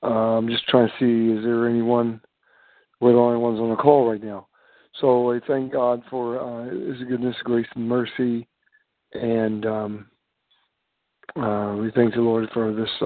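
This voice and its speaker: A man's voice: medium pitch, little pitch movement, normal speed, no echo. A tired man hosting a phone prayer call, speaking hesitantly with many ums and uhs. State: tired, yawning. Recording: dry tinny phone line.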